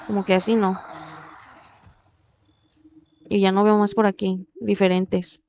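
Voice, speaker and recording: A woman's voice: mid-range voice, level tone, slow pace, very noisy. A woman giving casual gameplay commentary, chatty and often murmuring to herself. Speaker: gaming video creator.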